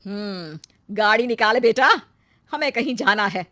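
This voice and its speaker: A woman voicing a shrewd older mother-in-law in a cartoon story, calling out loudly. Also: medium pitch, measured pace. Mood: knowing. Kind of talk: storybook voice acting.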